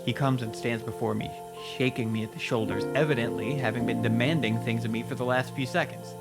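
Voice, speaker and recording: A man giving a dramatic, scripted first-person narration of a horror story, with deliberate pauses. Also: mid-range voice, fairly even intonation. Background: music.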